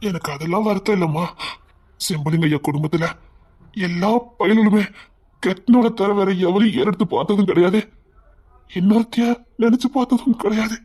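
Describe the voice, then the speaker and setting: Anguished young son, tearful and guilt-ridden, high voice for a man. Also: normal speed, mellow, husky. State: crying. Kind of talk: TV serial acting.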